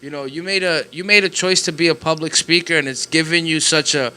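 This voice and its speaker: A man co-host talks in long, emphatic, rambling stretches at a desk mic in a graffiti-walled studio. His voice is a little high for a man and very bright and crisp. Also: steady tone, fairly quick. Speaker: podcast co-host. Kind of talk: casual chat.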